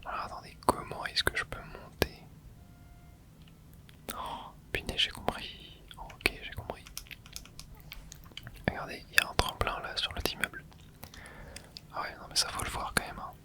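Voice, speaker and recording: Hushed whispering ASMR gamer, quiet at night. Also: normal speed, long pauses. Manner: casual and rambling, thinking aloud while playing. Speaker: video creator and streamer. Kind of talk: whispered ASMR gameplay commentary.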